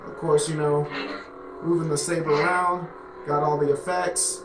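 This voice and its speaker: A man's voice: on the high side, flat delivery, normal speed, loud music behind the voice. A man casually reviewing a product, rambling with many fillers and restarts. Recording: echoey room.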